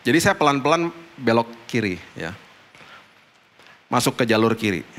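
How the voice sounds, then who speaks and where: A middle-aged man, a pastor preaching a storytelling sermon and acting out the dialogue with big swings in pitch. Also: big pitch swings, moderate pace, fairly bright tone.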